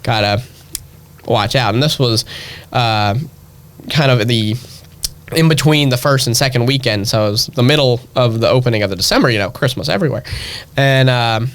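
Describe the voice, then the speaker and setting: A young man, a stage actor, telling family stories in a chatty, animated way and acting out their voices. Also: medium pitch, normal speed. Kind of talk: casual storytelling chat.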